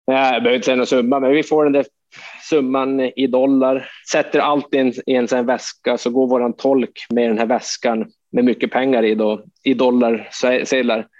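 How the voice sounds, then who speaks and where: A man's voice: mid-range voice, flat delivery, a little mellow, dry recording. A man from Sweden rambles through a story as a podcast guest, full of fillers and blunt curses. His voice is dry and close, with a dull, slightly muffled sound. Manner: rambling, swears freely, many fillers. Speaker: hockey player guest. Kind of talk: casual anecdote telling.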